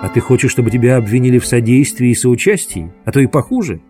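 A man voicing an earnest, imaginative boy who talks in quick, hushed, urgent bursts in a storybook reading. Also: medium pitch, lively intonation, soft background music, close to an everyday voice.

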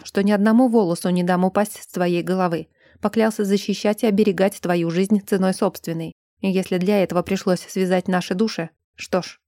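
A woman reading an audiobook, voicing a gruff, taciturn scarred man in a low, quiet, clipped and restrained voice. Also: no echo, clean studio sound, natural voice.

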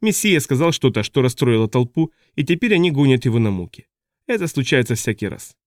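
A man's voice: mid-range voice, sing-song, a little fast, no echo, studio quality, natural voice. A man reading an audiobook, voicing a weary, blunt male village chief who explains things matter-of-factly.

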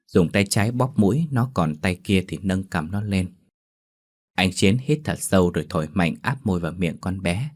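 A man narrating a ghost story in a steady, scripted storytelling delivery. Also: low-pitched, normal speed.

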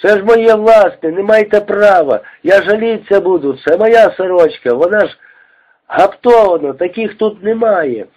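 A man voicing an indignant male prisoner who speaks Ukrainian and protests loudly. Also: unhurried. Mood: protesting. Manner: protesting, high and strained. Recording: dull lo-fi recording.

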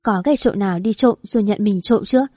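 A woman reading the lines of an arrogant, scornful married man in an audio story, in a warm, dry voice. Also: mid-range voice, a little fast, no room sound, close to an everyday voice. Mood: contemptuous. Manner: scornful, insulting. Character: arrogant wealthy married man, cold and cutting.

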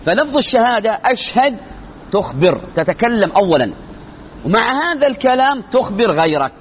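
A man with a high, sing-song voice teaches creed as a sheikh, moving fairly quickly. His lecture style is emphatic, full of rhetorical questions he answers himself, and the recording comes across thin and narrow with faint noise underneath.

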